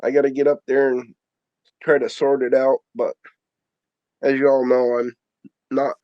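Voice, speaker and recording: A man who works on the town roads, reporting to a board meeting over a video call, halting and full of ums and uhs. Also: medium pitch, flat delivery, no room sound. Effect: heard over a video call. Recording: dull lo-fi video call audio.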